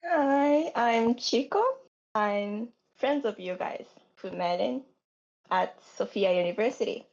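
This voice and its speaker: With a fairly high, creaky, slightly mellow voice, a young woman from Japan talks in an animated yet slow way. Her Japanese accent comes through as she searches for words as a casual podcast guest, recorded in dull lo-fi audio.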